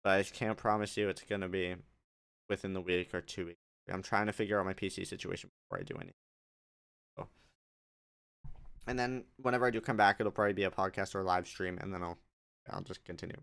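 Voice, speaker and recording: A man's voice: sits low, fairly even intonation, quick pace, creaky, pauses often, a bit bright, clean tone. A young man hosting his own podcast alone, chatting casually and rambling off on tangents. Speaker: podcast host. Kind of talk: solo casual podcast chat.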